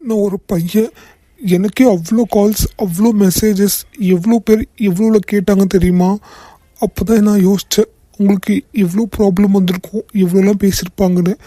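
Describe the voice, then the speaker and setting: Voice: medium pitch, fairly even intonation, normal speed, no echo, lightly acted. A voice actor playing a guilt-ridden young male boss. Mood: guilty, tearful. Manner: soft-spoken, tearful, repeated apologies. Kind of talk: cartoon voice acting.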